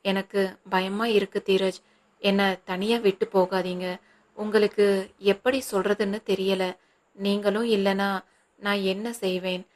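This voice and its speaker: A woman's voice: mid-range voice, fairly even intonation, a little slow, a little mellow, close to an everyday voice. A woman voicing a frightened young wife who anxiously begs her husband not to leave her, in an audiobook. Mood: fearful.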